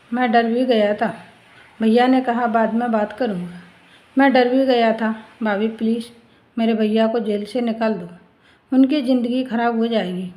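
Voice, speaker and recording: A woman's voice: on the high side, a little mellow, close to an everyday voice, low-quality recording. Amit, a woman voicing a tearful pleading schoolboy.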